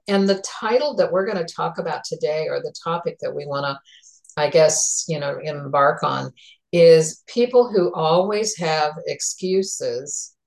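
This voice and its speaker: With a low voice and poor audio, this talk show host, also a therapist, plugs sponsors and brings on her guest. She's chatty and relaxed, sprinkling in plenty of ums.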